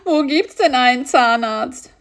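A woman voicing a whiny male cross spider with a toothache, in a high, moaning voice. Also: expressive, unhurried. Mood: eager.

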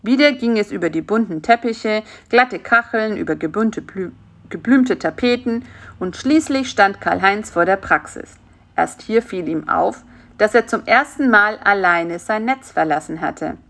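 A woman calmly reading a children's story aloud as the storyteller. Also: medium pitch, measured pace.

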